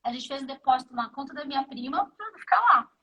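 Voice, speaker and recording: A Brazilian woman in her fifties with a Brazilian Portuguese accent and a notably high voice. As an interview guest she tells her stories with energy and acts out every exchange herself. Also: quick pace, poor audio. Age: 50s. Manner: animated storyteller who acts out the dialogue. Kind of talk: casual interview chat.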